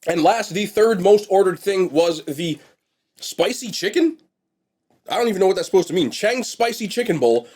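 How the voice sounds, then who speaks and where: A young man with a high, expressive, darkish voice reviews food on camera at normal speed. He's a vlogger doing a casual mukbang, sniffly and nasal from congestion, talking bluntly and chattily with frequent trailing restarts.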